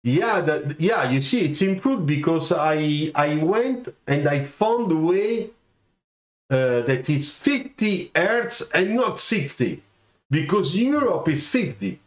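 A man's voice: a little high, takes it slowly. A middle-aged man, giving career advice on a livestream from a home studio, gesturing and often checking in with "okay?". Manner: animated, gestures a lot, keeps asking "okay?". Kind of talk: livestreamed talk to viewers. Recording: roomy echoey room sound.

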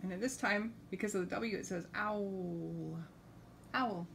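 Woman, middle-aged, reading a picture book to a toddler. Unhurried delivery, simple letter teaching, some room noise. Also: mid-range voice, vocal fry. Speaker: children's story reader and letter teacher. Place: living room, indoors. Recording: noticeable room background noise.

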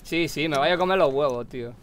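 A man's voice: fairly high pitch, quick pace, crowd noise. A young man with a Spanish accent from Spain, streaming a game and arguing bluntly with other players. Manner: irritated, blunt, swearing. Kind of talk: live gaming stream chat.

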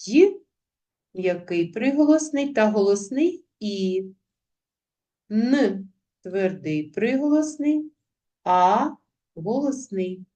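A woman teacher giving a recorded lesson, speaking deliberately and spelling out word sounds one by one. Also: mid-range voice, dark tone. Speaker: primary school teacher.

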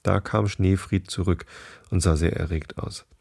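A man reads a bedtime story aloud in a slow, even way, now and then catching a small slip. His voice is very deep with a gravelly rasp, recorded close and very dry. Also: dry recording. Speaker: podcast host reading aloud. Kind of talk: calm bedtime story reading.

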